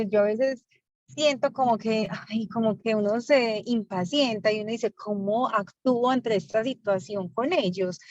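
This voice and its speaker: A woman's voice: a little high, no room sound. A mother sharing her struggles in an online parenting group, candid and a bit exasperated. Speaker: parent participant. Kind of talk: video call sharing. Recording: dull lo-fi call audio.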